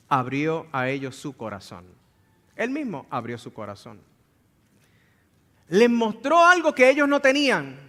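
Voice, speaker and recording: A man with a Puerto Rican accent preaching a Sunday sermon, swinging between shouts and hushed emphasis and repeating key phrases. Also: fairly high pitch, in a large hall. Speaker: pastor. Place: church sanctuary.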